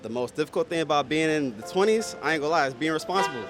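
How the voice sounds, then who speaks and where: A man's voice: a little high, animated, racing, over music. A man in his late twenties from the United States, giving slangy, laid-back advice in a street interview. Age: 20s.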